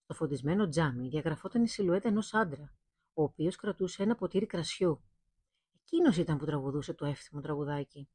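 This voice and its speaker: A woman reads a fairy tale aloud at a steady, even pace. Her voice is mellow and slightly husky. The recording is close and dry. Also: sits low, no echo. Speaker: storyteller.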